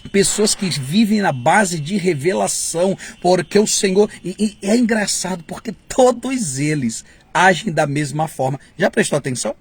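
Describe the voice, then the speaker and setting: Husky, fervent Brazilian preacher man. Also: high-pitched, moderate pace, hardly any pauses, no room sound. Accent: Brazilian Portuguese. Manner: fervent, rising to emphatic bursts and mocking mimicry. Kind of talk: sermon.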